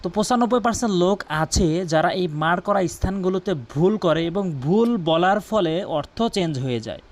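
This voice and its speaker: A man teaching Quran recitation. He chants the verses slowly and drawn out, then repeats single words to contrast the wrong pronunciation with the right one. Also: sits high, lively intonation. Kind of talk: recitation lesson with corrections.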